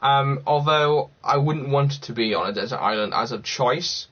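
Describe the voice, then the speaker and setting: A man from Cardiff hosts a casual livestream, thinking aloud as he works through viewer comments. His voice sits at a middling pitch. The recording sounds slightly dull and lo-fi. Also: moderate pace, husky. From Cardiff, Wales. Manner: chatty and rambling, thinks aloud. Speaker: livestream host.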